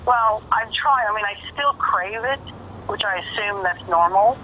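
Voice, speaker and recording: A woman's voice: medium pitch, unhurried, sharp tone, slight background noise. A woman talking casually on a phone call, emphatic and profane, repeating phrases for stress. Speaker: caller.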